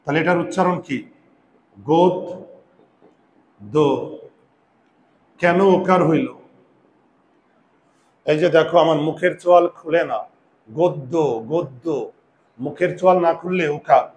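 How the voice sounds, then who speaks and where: A man teaching a grammar lesson slowly and patiently, repeating words and asking his students questions. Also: fairly high pitch, fairly even intonation, low-quality recording.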